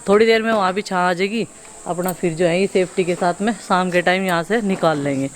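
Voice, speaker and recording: Talking a little fast in a fairly low voice, with slight background noise, this family vlogger in her thirties records daily life outdoors at her village home. Her manner is chatty: she explains along the way and teases the children.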